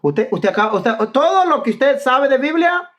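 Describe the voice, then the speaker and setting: A man's voice: extremely high pitch, very animated, normal speed, fairly bright tone, highs cut off. A man arguing as a preacher in a heated online debate, firing off rhetorical questions and repeating his opponent's name.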